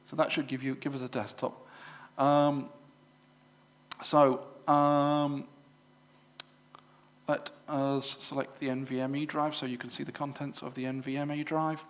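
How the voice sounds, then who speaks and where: A middle-aged English man giving a live demonstration to a club audience, chatty and full of fillers and quick self-corrections. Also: medium pitch, flat delivery. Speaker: presenter at a computer club show. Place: exhibition room at a club show.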